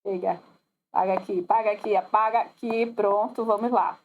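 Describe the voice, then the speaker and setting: A woman's voice: medium pitch, steady tone, normal speed, phone-quality sound. A woman teaching a recorded online lesson with a Brazilian Portuguese accent, who talks straight to her students and acts out the voices she quotes.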